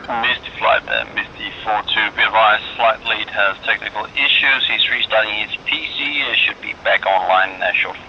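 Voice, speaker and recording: A man acting as a wingman pilot, giving a hesitant, pause-filled report over a walkie-talkie radio. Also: fairly low pitch. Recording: muffled radio with loud noise.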